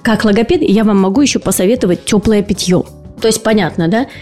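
A woman's voice: mid-range voice, fast, dark tone, faint music behind. A woman speech and voice therapist hosting an educational podcast, explaining patiently and posing rhetorical questions to her listeners.

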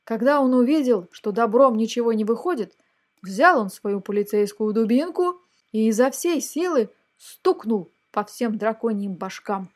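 A woman reading a fairy tale aloud for children, lively and expressive, speaking straight to the young listeners. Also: fairly high pitch, moderate pace. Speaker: storyteller.

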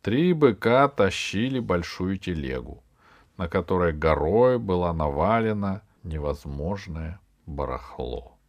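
A man calmly reading a children's sci-fi story aloud as narrator. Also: low voice, a little slow. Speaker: audiobook narrator. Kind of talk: scripted narration.

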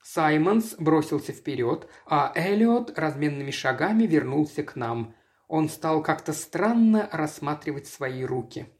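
A reader giving steady, even scripted narration of an audiobook. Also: medium pitch, unhurried.

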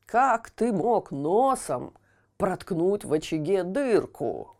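A woman voicing a cruel, blustering male puppet master who barks and grumbles slowly. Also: fairly low pitch, big pitch swings, darkish tone, exaggerated voice. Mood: puzzled. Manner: barking, grumbling, slow.

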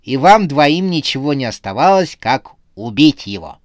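A man's voice: mid-range voice, big pitch swings, normal speed, no echo, studio quality, close to an everyday voice. A man voicing a brash female squirrel who plays detective in a comic horror audiobook, bossy and theatrical, jumping to accusations.

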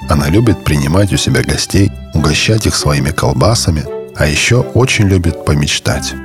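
A man's voice: extremely low pitch, lively intonation, fairly quick, over music. A man narrating a scripted children's story, addressing the listener as a storyteller.

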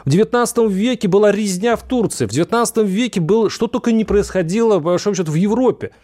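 A man hosting a political radio talk show, speaking haltingly and often repeating or restarting his words as he makes his case. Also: high voice, animated, a little mellow. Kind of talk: argumentative live political interview.

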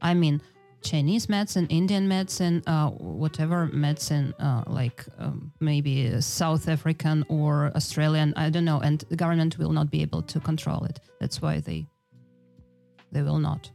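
Low-voiced Russian woman, hesitant. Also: steady tone, moderate pace, creaky, warm tone, soft background music. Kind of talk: casual group discussion in English.

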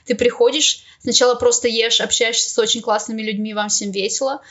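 On a slightly dull, muffled recording, a young woman speaks as a podcast guest. Her voice is on the high side. She tells personal stories casually, pausing and restarting as she explains. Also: steady tone, fairly bright tone.

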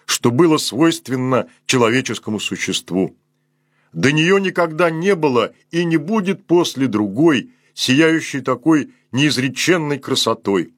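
Male priest, sermon reading: husky tone, dry close sound, unhurried, phrases falling at the ends. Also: medium pitch, dry recording. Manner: slow and measured, voice sinks at the close of each phrase. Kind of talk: solemn read sermon.

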